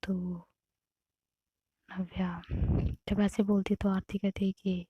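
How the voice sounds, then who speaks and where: A woman narrating a love story in a relaxed, casual way, her voice mellow and a touch breathy. She often sinks into a near whisper. The sound is close and completely dry. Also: mid-range voice, slow pace, no room sound. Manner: often drops to a soft whisper.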